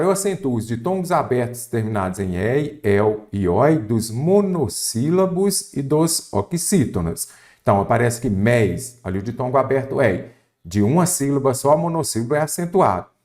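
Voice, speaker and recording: A man's voice: mid-range voice, sing-song, normal speed, a little mellow. A man teaching an exam-prep lesson, explaining rules step by step and speaking directly to the student. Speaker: Portuguese teacher. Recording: roomy echo.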